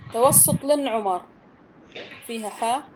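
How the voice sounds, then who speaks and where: A woman's voice: a little high, moderate pace, background noise. A woman teaching Quran recitation, patiently correcting pronunciation and drilling the rules of letters. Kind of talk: tajweed instruction.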